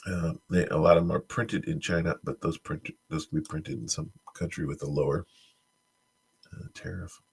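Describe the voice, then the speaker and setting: This stream host, who says he's congested, reads tech news with offhand commentary, stumbling through the read-outs and slipping in dry, wry asides. He speaks in a low-pitched, husky voice with vocal fry, fairly even intonation, and a moderate pace.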